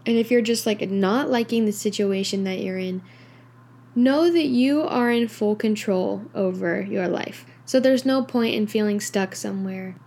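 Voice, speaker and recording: A woman's voice: a little high, a little mellow, a little hiss or hum. A tired young woman hosts her own podcast late at night. She talks candidly and rambles, leaning on "like" and "you know" as she goes. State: tired, yawning. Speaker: podcast host. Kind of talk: casual solo podcast monologue.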